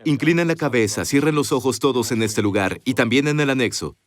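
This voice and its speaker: This dubbed sermon voice-over, recorded in a studio, features a man with a mid-range voice and a brisk delivery. He preaches forcefully, firing rhetorical questions at the congregation.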